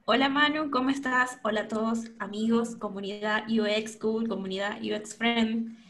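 Venezuelan woman, cheerful and high-pitched. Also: fairly even intonation, moderate pace, fairly bright tone. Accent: Venezuelan Spanish. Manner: cheerful, laughs often. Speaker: podcast host and guest. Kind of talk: casual conversational interview.

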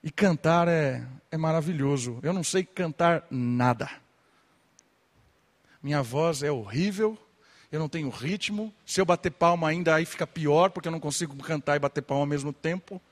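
Man preaching a lively sermon. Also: fairly high pitch, normal speed, in a large hall. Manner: lively preaching, mimics gossiping churchgoers. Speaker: pastor.

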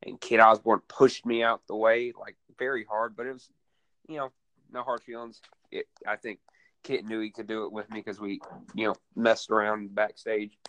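A man with a lowish voice tells a wrestling-show story in a loose, rambling way, full of fillers and restarts. The sound is dry and close. It has no room echo. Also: level tone, normal speed, fairly bright tone. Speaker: co-host recapping a wrestling show. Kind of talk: casual podcast chat.

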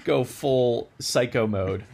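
A man's voice: mid-range voice, takes it slowly, vocal fry. A man chatting casually and giggling over a video call. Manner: giggly, animated. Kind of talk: casual chat.

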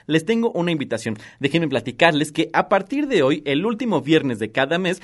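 A man co-hosting a radio show and reading out an announcement. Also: fairly high pitch. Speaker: radio co-host.

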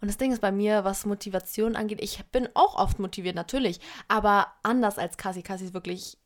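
A woman vlogger talking casually to viewers, calm and explanatory, quick to laugh. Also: medium pitch.

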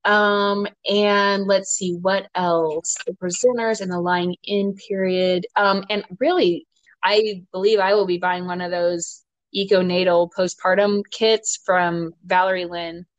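A woman's voice: medium pitch, steady tone, unhurried, no room sound, dull audio. Chatty laughing woman, dry close sound. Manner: chatty, laughs often, many "you know" fillers. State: ten months postpartum. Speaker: podcast host and doctor. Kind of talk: casual podcast chat.

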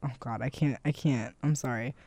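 A woman's voice: very deep voice, fairly quick, mellow, dry recording. A young woman co-hosting a podcast in casual chat, rambling and laughing often. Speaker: podcast co-host.

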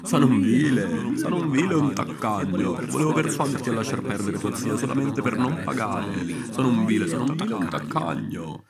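A man's voice: medium pitch, expressive, moderate pace, few pauses, a loud crowd, voice pushed up, natural voice. A man playing a cowardly stingy marshal. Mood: confessing. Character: cowardly, stingy middle-aged male marshal.

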